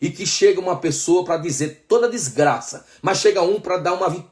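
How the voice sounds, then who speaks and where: A man from Brazil with a somewhat high voice delivers a sermon. He keeps checking in with his listeners and calls them brothers, stretching out key phrases for weight. He slips into the voices of the friends and people he tells about. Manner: addresses listeners as brothers, frequent tag questions; slows down for emphasis, acts out quoted dialogue. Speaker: pastor.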